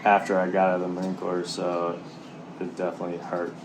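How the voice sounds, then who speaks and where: A man talking candidly and haltingly in a casual, reflective vlog while out walking. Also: deep voice, completely flat delivery, heavy background noise. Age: middle-aged. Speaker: vlogger, military serviceman and former Marine. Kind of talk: casual walk-and-talk vlog.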